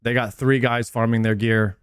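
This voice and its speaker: A man's voice: mid-range voice, flat delivery, normal speed, clean tone, no echo, clean studio sound. A man chatting casually on a game livestream in hyped, slangy frat-bro talk. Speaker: game streamer. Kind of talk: casual livestream gaming chat.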